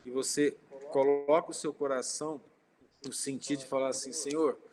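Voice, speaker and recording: A man's voice: mid-range voice, level tone, moderate pace, over music. A man giving an informal spiritist talk, telling personal stories, speaking directly to his listeners and acting out quoted dialogue. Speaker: spiritist lecturer.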